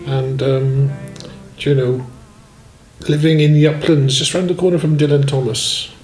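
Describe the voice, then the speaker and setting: A man in his sixties from Swansea, a musician telling his life story in a relaxed, rambling way and often saying "you know". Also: a little high, moderate pace, faint music behind. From Swansea, Wales. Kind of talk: relaxed autobiographical chat. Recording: echoey room.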